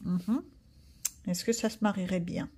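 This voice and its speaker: A woman's voice: lowish voice, steady tone, a little slow, mellow, breathy edge. A woman vlogger chatting casually to viewers while she colors, with chatty self-mocking asides.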